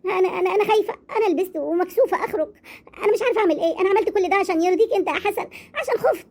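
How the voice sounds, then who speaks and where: A woman's voice: very high-pitched, very fast, a little mellow. A woman with an Egyptian accent playing a timid, anxious wife who pleads with her husband in a family web drama. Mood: pleading. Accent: Egyptian Arabic. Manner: pleading, nervous.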